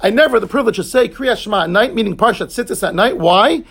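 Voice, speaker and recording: A man leads a Talmud class, glossing each term in English and turning to his students between points. His voice sits high and has a gravelly, husky edge. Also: lively intonation, fairly bright tone. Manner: explains terms in English, quick asides to students. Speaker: rabbi teaching Talmud class.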